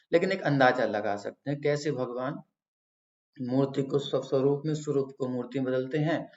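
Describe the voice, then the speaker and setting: Brief: male preacher, mid-pitched, emphatic storytelling sermon, roomy echo. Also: a little mellow. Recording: roomy, dull lo-fi.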